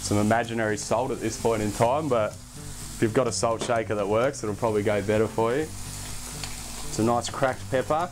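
A young man hosting a casual cooking demonstration in a home kitchen, relaxed and chatty, with self-deprecating asides. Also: on the low side, normal speed. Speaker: cooking show host. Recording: background music under the voice. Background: music and pan sizzling.

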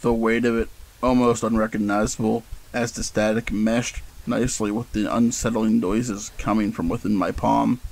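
A man with a low voice narrates a horror tale in a measured, deliberate reading. His delivery is steady and unhurried, built for a spoken story. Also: creaky, rough recording.

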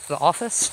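A man's voice: high voice, heavy background noise. A man casually commenting while walking through an overgrown abandoned park, recorded on a handheld camera. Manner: chatty, thinking aloud while exploring. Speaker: vlogger exploring abandoned places.

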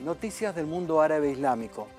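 A man reading a segment of news as a TV columnist, in a measured, read-out manner. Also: fairly high pitch, lively intonation, loud music behind the voice.

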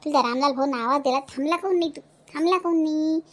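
A high-pitched, sharp-tongued cartoon mother, voiced by a woman, scolding in a broad Vidarbha accent. She is a widow at the end of her patience, nagging and berating her idle grown son. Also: quick pace, natural voice. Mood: furious scolding. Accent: Vidarbha Marathi. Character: scolding widowed village mother, middle-aged, fierce. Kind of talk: cartoon voice acting.

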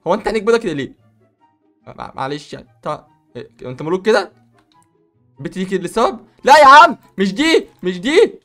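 A young Egyptian man excitedly narrating a game role-play, bossy with sudden loud outbursts. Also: high-pitched, fast, long pauses, faint music behind. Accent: Egyptian Arabic. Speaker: gaming YouTuber.

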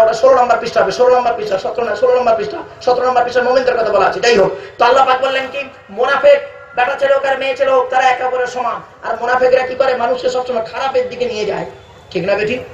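A man with a West Bengal Bengali accent preaching a waz sermon, calling listeners "baba" and chanting verses slowly. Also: very high voice, a little hiss or hum. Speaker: preacher at a religious gathering. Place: outdoor religious gathering on loudspeakers. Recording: echoey, distant, dull public address sound.

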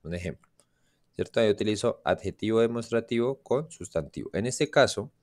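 In a classroom grammar lesson, an English teacher keeps checking his students' understanding by asking them questions. He talks fairly quickly, with a voice on the low side and lively intonation.

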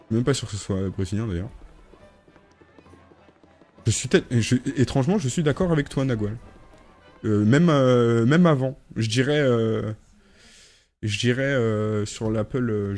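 Low, relaxed male gaming streamer; casual, rambling, hesitant, jokey with chat. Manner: rambling, many hesitations and self-corrections; joking, chats with viewers while playing. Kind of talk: casual live gameplay chat.

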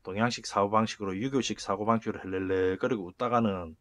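A man giving a casual spoken lecture as a channel host, acting out rough retorts with sudden loud bursts. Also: lowish voice, fairly even intonation, fast talker. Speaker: channel host explaining word origins.

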